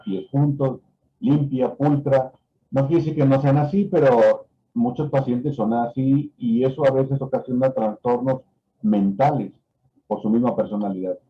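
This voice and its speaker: A man teaches a medical class at a mid pitch, walking through each point and checking in with his students. The audio is a bit dull and lo-fi. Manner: explanatory, with frequent fillers and "¿no?" tags. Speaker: medical lecturer. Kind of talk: lecture on a neurological exam. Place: online class.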